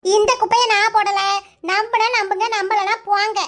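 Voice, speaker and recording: A very high, bright cartoon voice put on by a woman for a quick-tongued young wife who fires back at every accusation. Her speech carries a Kanyakumari Tamil accent. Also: little pitch movement. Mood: defiant. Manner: defensive, retorting.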